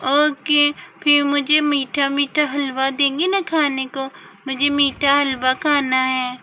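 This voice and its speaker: A woman puts on a little girl doll who whines and begs to stay in bed. The voice sits high and bright, and she takes her time over each line. It is a homemade doll-play story. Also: level tone, slow, slight background noise, full character voice. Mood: whiny. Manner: whiny, begging. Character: small pleading little girl doll, stubborn and sleepy.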